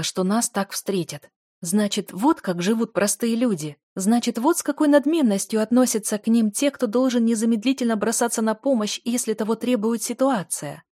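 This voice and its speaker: A woman narrating a first-person fantasy audiobook in a steady storytelling manner. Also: on the high side, normal speed, no room sound, clean studio sound.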